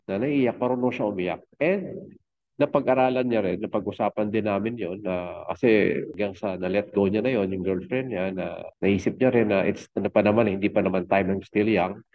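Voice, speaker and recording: A man's voice: lowish voice, normal speed. A middle-aged man, a fitness coach and father, talking as a guest in a casual interview, rambling with many fillers and restarts. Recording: tinny phone-like line.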